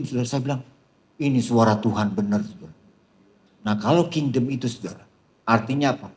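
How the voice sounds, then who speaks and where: A male pastor preaching, telling stories with humor, often laughing and calling out to the congregation, with a flavor. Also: mid-range voice. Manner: storytelling with humor, laughing, addressing "saudara"; animated, voice rising when excited. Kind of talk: sermon.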